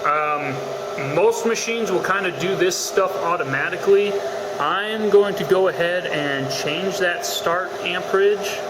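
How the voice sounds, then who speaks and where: Higher-voiced man teaching over machine noise. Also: measured pace. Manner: casual, explanatory, talks through each step. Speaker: welding instructor. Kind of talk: hands-on tutorial, informal explaining. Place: room or workshop beside welding machine. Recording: roomy echo, machine noise behind. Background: steady welding machine noise.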